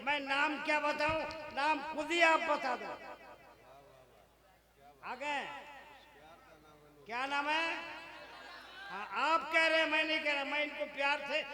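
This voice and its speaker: A man's voice: very high-pitched, slow pace, long pauses. A man introducing a speaker at a religious gathering and leading the crowd in chants. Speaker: stage announcer at a religious gathering. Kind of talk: rousing stage introduction. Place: outdoor religious conference with crowd. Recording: crowd noise, live event PA.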